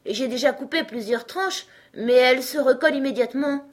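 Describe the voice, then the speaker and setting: A woman's voice: sits high, normal speed, voice pushed up. A woman voicing a polite, curious little girl in a storybook reading.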